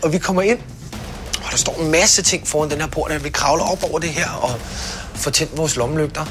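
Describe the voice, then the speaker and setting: A man's voice: a little high, background noise. A man casually tells an anecdote, swearing and acting out sounds and quotes. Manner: swearing, animated, acts out quotes and sound effects. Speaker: storyteller.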